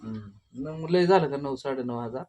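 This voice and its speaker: A chatty, teasing man talks at a middling pitch, with an easy, rustic way of speaking. He is recorded outdoors at a village home, and faint noise sits behind his voice. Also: normal speed, warm tone. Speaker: village vlogger. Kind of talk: casual vlog chat.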